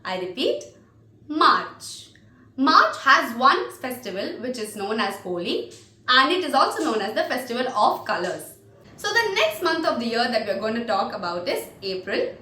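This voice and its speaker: A woman gives a spoken lesson, and her high voice moves up and down a lot. She pronounces words carefully and repeats each one for her learners. The room she is in is echoey. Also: sharp tone. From India. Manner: repeats each word slowly and clearly for learners. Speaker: English teacher.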